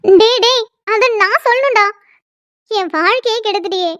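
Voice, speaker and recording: A woman voicing a furious young woman in a cartoon who scolds and complains with shrill indignation. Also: normal speed, a bit bright, dry recording, studio quality. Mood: indignant. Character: young woman, furious, newly forced into marriage. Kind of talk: cartoon dialogue.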